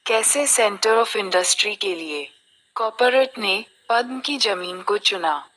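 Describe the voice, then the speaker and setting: A woman narrating a film review slowly and reflectively, with a bright, clear tone. She retells the story at an unhurried, storytelling pace. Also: mid-range voice, low-quality recording.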